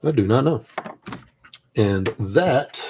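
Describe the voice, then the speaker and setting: A man's voice: medium pitch, lively intonation, slow pace, creaky, slight background noise. A man chatting casually and reflectively as he paints miniatures, rambling and trailing off at times. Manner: rambling, soft-spoken, trails off. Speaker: miniature painter and army veteran.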